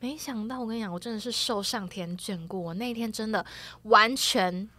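A woman, co-hosting a podcast and telling a personal story in an animated, expressive way. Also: mid-range voice, normal speed. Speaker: podcast co-host. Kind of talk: casual chat, personal storytelling.

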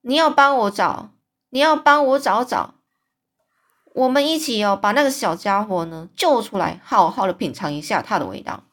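A woman's voice: medium pitch, animated, moderate pace, lightly acted. A woman voicing a huge, brutish, man-eating male giant who bellows and bullies in a storybook reading. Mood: greedy. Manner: bellowing, bullying, greedy.

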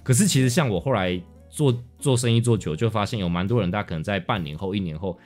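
Fast-talking man in casual chat. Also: fairly low pitch. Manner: animated, acts out his own past inner voice. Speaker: podcast co-host. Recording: faint music in background.

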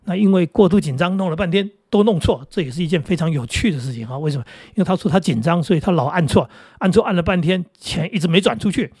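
A man's voice: high-pitched, quick pace, hardly any pauses, a little mellow, husky, no room sound, clean studio sound. A middle-aged man with a Taiwanese Mandarin accent, hosting a casual chat and rambling through anecdotes with many fillers. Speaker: podcast host.

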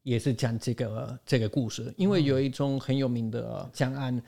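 A man's voice: mid-range voice, moderate pace, gravelly, mellow. A man speaking as a guest in a casual interview, giving his opinions and explaining them through stories and quoted exchanges. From outside Taiwan.

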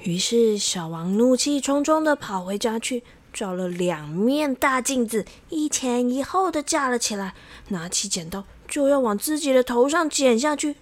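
A woman narrating a children's story in a lively, expressive way, speaking to young listeners. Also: fairly high pitch, normal speed.

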